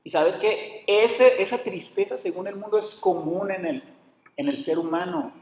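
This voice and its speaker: A man's voice: sits high, normal speed, a little mellow. A man preaching a sermon, calling his listeners brothers and putting rhetorical questions to them. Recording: echoey hall.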